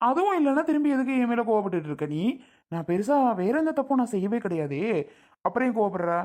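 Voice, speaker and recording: A woman's voice: fairly high pitch, very animated, fast, darkish tone. A woman playing a patient relative who coaxes and apologizes, a bit exasperated, in a family skit. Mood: coaxing. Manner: coaxing, exasperated.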